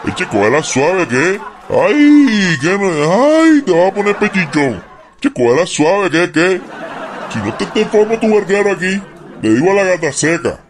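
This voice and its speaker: A man's voice: sits high, sing-song, unhurried. A mocking ghost made of an old sheet, acted by a man for a fan cartoon dub. He laughs at the people he haunts and speaks, and his voice swings wildly up and down. Crowd ambience and hiss sit behind him. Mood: teasing. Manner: teasing, laughing.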